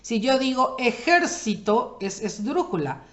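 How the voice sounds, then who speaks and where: A woman teaching a recorded grammar lesson, explaining step by step, asking questions and answering them herself, and slowing down to spell out example words. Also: a little high, lively intonation. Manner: explanatory, asks and answers her own questions.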